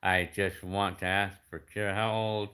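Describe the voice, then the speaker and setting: A man's voice: low voice, little pitch movement, unhurried, sharp tone. A fifty-year-old man chatting casually as he reads out viewer comments, rambling with many restarts and fillers. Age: 50s. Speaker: YouTube creator answering comments.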